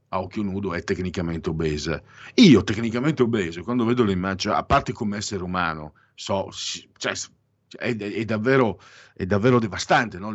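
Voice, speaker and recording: A man's voice: deep voice, no room sound, lo-fi sound. A man hosting a daily anniversaries segment, talking in a digressive way with frequent restarts, self-corrections and ironic asides. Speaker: radio or podcast host reading daily anniversaries. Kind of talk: casual spoken commentary with opinions.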